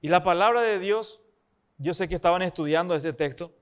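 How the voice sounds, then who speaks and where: Man as preacher, higher-pitched, emphatic sermon delivery with rhetorical questions. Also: brisk, clean tone.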